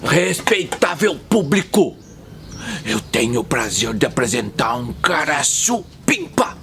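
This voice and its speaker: A man playing a playful, showy ringmaster who announces an act in a grandiose, drawn-out theatrical way. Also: mid-range voice, sing-song, fairly bright tone, heavily acted. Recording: clear background noise and ambience.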